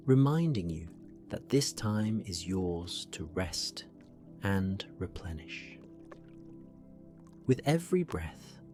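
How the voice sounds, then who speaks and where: A man working as a sleep story narrator, guiding relaxation in a gentle, soothing, hushed delivery that drifts toward a whisper. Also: deep voice. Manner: slow, gentle, soothing, often falling near a whisper.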